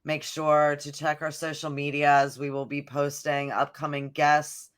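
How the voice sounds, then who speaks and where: A woman's voice: sits low, little pitch movement, a little slow. A woman co-hosting a podcast, telling stories in casual chat and leaning on "like" a lot. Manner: chatty storyteller, fills talk with "like". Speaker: podcast co-host.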